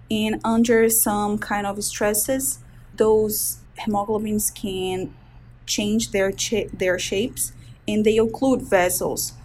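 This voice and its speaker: Over a faint hiss or hum, a woman in her thirties from Brazil talks in a mid-range, slightly mellow voice with a Brazilian Portuguese accent. As a resident physician answering interview questions about her research, she explains medical terms cautiously and hesitates often.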